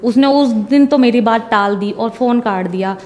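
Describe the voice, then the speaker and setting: Young woman, personal testimony, keeps saying "I said", fairly high voice, long reverb. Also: normal speed, darkish tone. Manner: retells conversations at length with repeated "I said". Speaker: devotee giving a testimony.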